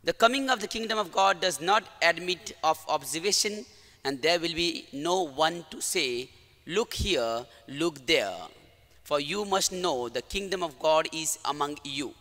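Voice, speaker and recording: A man with an Indian English accent, a priest reading the gospel and preaching in a formal, measured way, with the cathedral echo of a large church. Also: a little high, lively intonation, bright, forceful tone. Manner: formal, measured liturgical delivery. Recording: long church reverb.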